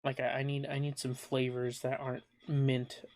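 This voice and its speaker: A man's voice: mid-range voice, monotone, normal speed, darkish tone. A young man hosting a casual podcast chat with friends, rambling and joking with casual swearing. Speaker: podcast host.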